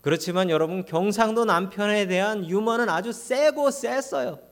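A man's voice: sits high, moderate pace. A man preaching a humorous Sunday sermon as pastor, speaking directly to the congregation and acting out quoted voices.

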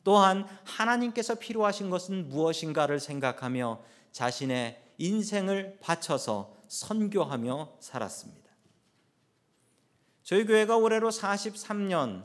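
A male pastor delivers a sermon in a storyteller's way, with a fairly high voice. His pitch swings widely as he builds toward emphatic points and then drops back down. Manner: storytelling preacher, rising and falling emphatically.

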